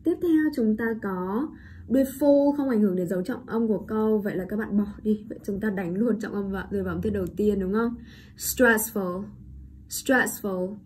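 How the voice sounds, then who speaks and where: Vietnamese-accented woman, English teacher, slow repeated words, rhetorical checks, faint hiss. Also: mid-range voice, mellow. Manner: repeats each word slowly, then explains with frequent rhetorical checks. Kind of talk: online pronunciation lesson.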